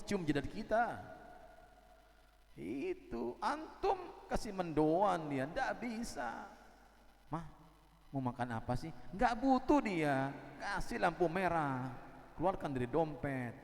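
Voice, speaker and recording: A lively male preacher, his voice sitting a bit high. He jokes and acts out small scenes as he preaches. The sound rings with a long hall reverb. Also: gravelly. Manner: animated, joking, acting out little scenes. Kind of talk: sermon. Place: prayer hall.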